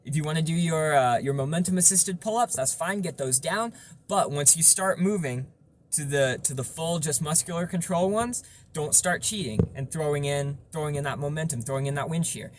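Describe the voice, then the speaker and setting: A man's voice: fairly high pitch, moderate pace, a little hiss or hum. A man giving an informal, explanatory tutorial on vocal technique, stressing points through repetition.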